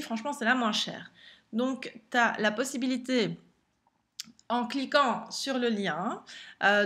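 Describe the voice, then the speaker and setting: A woman with a French accent gives a casual vlog to camera as an online business coach. Her voice sits a little high, and her talk is chatty and informal, with many fillers and restarts. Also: a bit bright.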